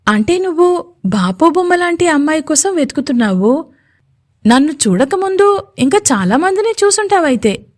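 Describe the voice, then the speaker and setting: A woman's voice: high-pitched, very animated, normal speed, voice pushed up. A woman voicing a playful young female CEO in a romantic audio story, coaxing and mock-jealous.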